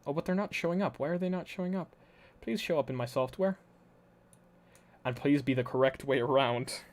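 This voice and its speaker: A man's voice: on the high side, a little fast. A man streaming live, chatting casually and thinking aloud as he explains his setup, his voice a little worn from talking.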